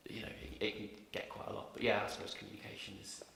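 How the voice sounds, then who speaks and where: Male conference speaker, low and gravelly, halting answers, recorded in a roomy lecture hall. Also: little pitch movement, pushed and bright. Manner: hesitant, many fillers and restarts. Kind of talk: Q&A answers after a talk.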